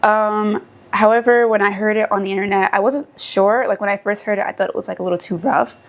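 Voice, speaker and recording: A young American woman chatting in a casual vlog. She talks in an animated, rambling way and fills her sentences with fillers. Her pitch sits in the middle range. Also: brisk. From United States. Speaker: vlogger. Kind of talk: casual chat.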